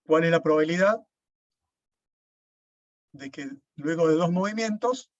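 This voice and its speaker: A man's voice: fairly high pitch, unhurried, no room sound. A man, lecturing an online class, explaining step by step and often checking with "¿sí?". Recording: dull, dry lo-fi sound.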